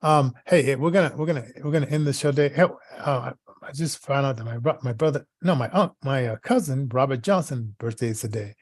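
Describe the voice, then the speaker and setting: Hosting a casual radio talk show, a man with a mid-range voice speaks haltingly, frequently repeating words and phrases. There's no echo.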